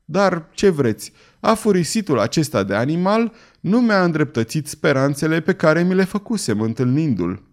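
A man's voice: on the high side, sing-song, pitched above the performer's own voice. A man reading an audiobook, voicing a fussy, pedantic male entomologist who takes offense easily. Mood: earnest.

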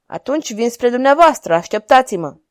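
A woman's voice: a little high, animated, dry recording, studio quality, pitched above the performer's own voice, lightly acted. A woman voicing a proud male captain of the royal guards, speaking formally and courtly. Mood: anxious.

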